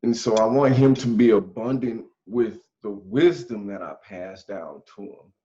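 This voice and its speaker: Earnest man, forty, podcast co-host, unhurried, slightly muffled lo-fi recording. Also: fairly low pitch, mellow. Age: 40s. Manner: slow, earnest, thinks aloud, says "man" often. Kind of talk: casual conversation. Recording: dull lo-fi sound.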